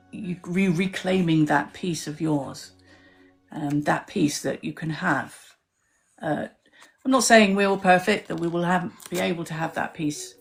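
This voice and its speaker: Low-voiced woman musing on a live stream. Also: gravelly. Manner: reflective, storytelling, with frequent fillers. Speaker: author hosting a live stream. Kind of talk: casual live-stream talk.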